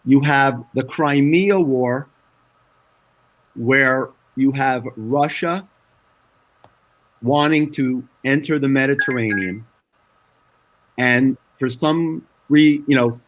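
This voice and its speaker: A man gives his analysis slowly on a video call, laying out his points in a measured, lecturing way. His voice sits in a middle range. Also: medium pitch, highs cut off. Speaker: guest analyst. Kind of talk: panel commentary.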